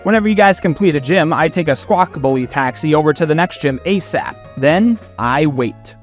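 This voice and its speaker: Voice actor as a helpful young guy gym guide from a cartoon game, really animated, bit of music. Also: medium pitch, moderate pace, natural voice. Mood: cheerful. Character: friendly, eager young male gym guide.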